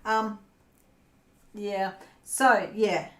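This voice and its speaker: An Australian woman chats slowly and easily with her livestream viewers, drifting off into fillers and frequent giggles. Her voice sits at an ordinary middle pitch. The room around her gives the sound a noticeable echo. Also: steady tone, a bit bright. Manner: giggly, rambling, many fillers. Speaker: crafting channel host. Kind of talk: casual livestream chat with viewers. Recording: roomy echo.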